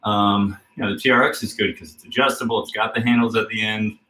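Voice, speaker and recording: A man working as a fitness trainer who talks through exercises in a relaxed, chatty way, recorded indoors on a camera mic from a distance. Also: fairly low pitch, fast. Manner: relaxed, chatty coaching with fillers. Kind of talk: casual workout instruction. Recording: roomy sound from a distant mic.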